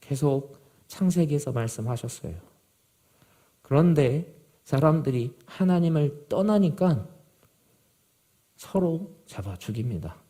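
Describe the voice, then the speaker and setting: A male pastor preaching a sermon to a youth group, swinging from loud, urgent emphasis to low, quiet gravity. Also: animated, takes it slowly, pauses often.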